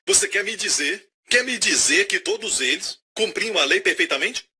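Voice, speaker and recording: A man preaching a sermon, animated and questioning his audience. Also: sits high, normal speed, husky.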